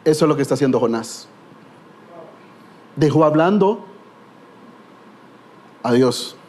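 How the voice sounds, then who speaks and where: A man's voice: mid-range voice, animated, slow pace, a little mellow. A middle-aged man preaching a sermon with a Guatemalan Spanish accent, telling stories with humor and rhetorical questions.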